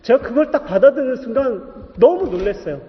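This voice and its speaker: A man in his thirties, a pastor preaching a testimony, telling his story in an animated way and acting out the voices in it. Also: very high-pitched, fairly quick, noisy background. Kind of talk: sermon testimony. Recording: dull echoey hall recording.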